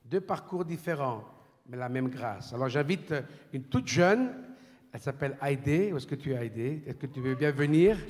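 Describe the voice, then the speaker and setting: A man's voice: mid-range voice, animated, normal speed, darkish tone. A man hosting a church service in a church hall, introducing a speaker and answering with fervent, exclamatory praise. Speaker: church leader presenting a testimony. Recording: long church-hall reverb.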